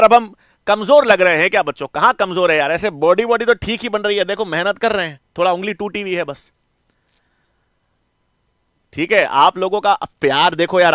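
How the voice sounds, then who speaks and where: In a studio-quality recording without any room sound, a middle-aged male biology teacher teaches online in a high, fairly bright voice. His style is coaxing: he calls students "beta" and "bachche" and supplies answers to his own questions.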